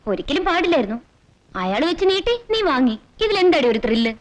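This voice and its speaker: A woman's voice: high voice, very animated, quick pace, rough recording. An actress playing a sassy young woman who mockingly lectures her lovestruck friend in 1980s film dialogue. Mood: teasing. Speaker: teasing female friend.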